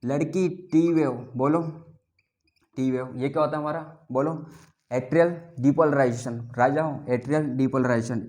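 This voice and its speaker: A male biology teacher giving a lively classroom lecture, drilling students to repeat terms back to him and teasing them playfully, mixing with terms. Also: mid-range voice, normal speed. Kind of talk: classroom lecture with call-and-response.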